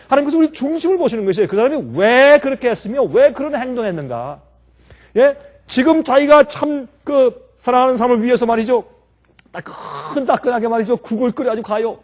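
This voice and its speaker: A man preaching a sermon as pastor, talking to the congregation with many rhetorical questions and acted-out everyday scenes. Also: very high voice. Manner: lively, acts out everyday scenes and quotes.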